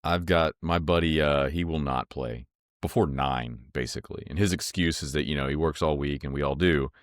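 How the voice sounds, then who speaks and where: A man co-hosting a casual podcast, speaking in a measured, matter-of-fact way. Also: rumbling low, no echo, clean studio sound. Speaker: podcast co-host. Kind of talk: casual chat.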